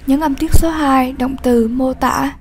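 A woman teacher giving a lesson, explaining slowly, patiently and clearly. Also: high voice, steady tone, a little hiss or hum. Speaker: English teacher. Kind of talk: classroom lesson narration.

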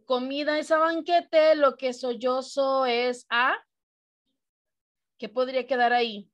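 Speaking slowly in a high, steady voice, a woman teacher with a Mexican accent runs a video-call class online. She takes a patient approach to explaining and keeps putting questions to her students.

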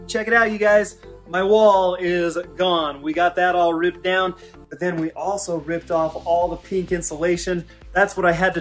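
A man's voice: on the high side, fairly bright tone. Upbeat vlogger man in an echoey basement. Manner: upbeat and enthusiastic, keeps addressing the viewers as "you guys". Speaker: physical therapist and fitness channel host. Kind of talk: casual home-renovation vlog. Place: unfinished basement under construction, indoors. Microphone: camera mic, often handheld at arm's length. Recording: echoey bare room with faint background music.

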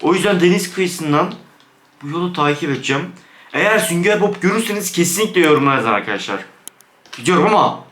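A man commentating a Minecraft let's play, jumpy and excitable, dropping to hushed, scared whispers. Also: a little high, fast, echoey room. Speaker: gaming YouTuber.

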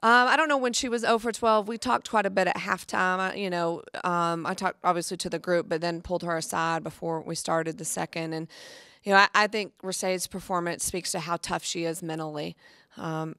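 A woman coach in her thirties speaks into a table mic at a press conference. Her voice sits low and stays level, her answers earnest and full of restarts. The room sound is dry and close. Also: steady tone, normal speed, a bit bright, no room sound. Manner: earnest, many restarts and fillers. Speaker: head basketball coach. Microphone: table mic on stand.

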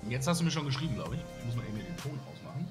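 A man's voice: mid-range voice, big pitch swings, very fast. A man hosting a live stream, chatting casually with viewers and rambling with many fillers. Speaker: streamer host. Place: studio room with windows. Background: faint music.

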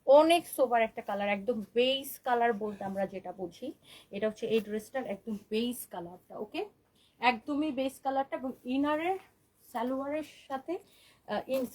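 High-voiced woman selling dresses live. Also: darkish tone, poor audio. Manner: chatty, keeps asking "okay?", mixes English words into Bengali. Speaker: online boutique owner selling dresses live. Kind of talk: live-stream sales pitch, reading viewer comments.

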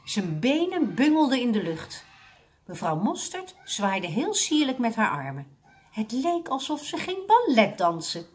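A woman working as a library reading consultant, reading a children's book aloud with expressive storytelling. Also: a little high, a little slow.

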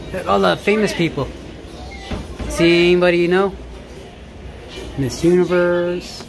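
A man's voice: high-pitched, steady tone, unhurried, vocal fry. A man filming a casual family vlog, chatting upbeat with his kids and pointing things out at a big busy restaurant, on a handheld phone. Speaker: family vlogger, father. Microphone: handheld phone camera. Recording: noisy restaurant with loud crowd and music. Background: crowd chatter and restaurant music.

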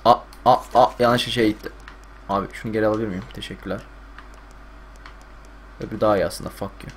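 A young man commentating a game stream live, getting loud and swearing at the game. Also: on the low side, fast, slight background noise. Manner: excitable, swears, yells at the game. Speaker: gaming streamer.

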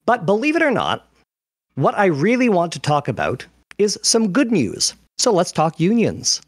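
A man hosting a podcast panel, reading out news summaries in a measured way between casual chat. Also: sits high, wildly swooping pitch, no room sound, clean studio sound.

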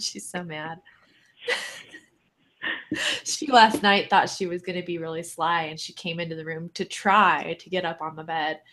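A woman's voice: lowish voice, fairly bright tone. Laughing woman telling pet stories. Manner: swears casually. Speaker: co-host of a group chat. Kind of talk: casual chat.

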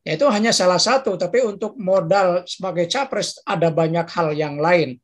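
A lecturer explaining in an informal discussion style, with frequent tag questions and pauses to search for words. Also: medium pitch.

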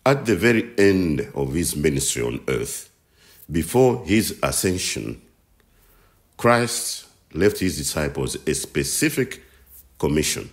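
A man narrates a scripted Bible lesson as a voice-over. His voice sits very low, and he reads slowly and deliberately, pausing over each scripture reference. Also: big pitch swings. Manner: slow, measured reading with scripture citations. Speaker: narrator of Bible teaching series.

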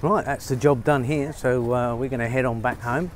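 The voice is medium-pitched with fairly even intonation and a moderate pace, with slight background noise. It belongs to a middle-aged man chatting upbeat to camera while he works outside on his rural farm in the rain, a casual vlog full of fillers captured on a lapel mic.

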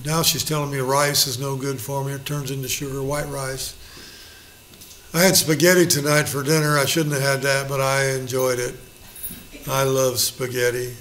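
A man's voice: medium pitch, flat delivery, normal speed, a bit bright, slight background noise. Joking folksy preacher man. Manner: folksy and joking, with acted quotes. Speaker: pastor. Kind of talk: bible study teaching.

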